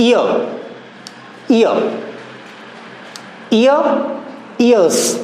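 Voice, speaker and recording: A man's voice: extremely high pitch, roomy sound, poor audio. A man teaching English grammar in a classroom style, spelling out words letter by letter and explaining them step by step.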